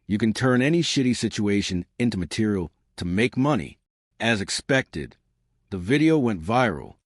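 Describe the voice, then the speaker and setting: A man narrates a first-person story in a brisk, wry manner. His voice sits low but moves widely in pitch. The sound is dry and close. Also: lively intonation, no room sound.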